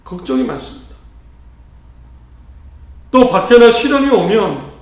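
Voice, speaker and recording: A man's voice: high voice, sing-song, unhurried. A male pastor delivering an earnest sermon, asking rhetorical questions and shifting his emphasis often. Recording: heavy church reverb.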